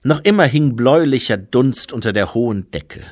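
A man reading a story aloud in measured, expressive narration. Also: mid-range voice, no echo, studio quality. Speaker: audiobook reader. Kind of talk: scripted narration.

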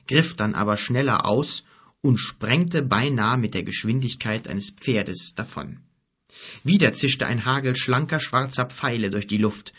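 Guy narrating a fantasy audiobook, husky, mid pitch, steady pace.

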